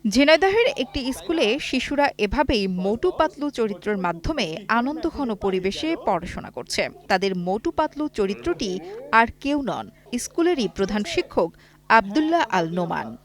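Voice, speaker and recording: A woman reporter reading scripted news narration in a clear, lively way. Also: a little high, moderate pace.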